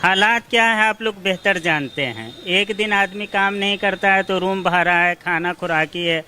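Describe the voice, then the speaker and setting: A man's voice: high voice, moderate pace, sharp tone, slight background noise. A man, a local shopkeeper interviewed on the street, speaking earnestly about shops staying closed. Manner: earnest, agreeable, stresses his lost business. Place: outdoors on a city street.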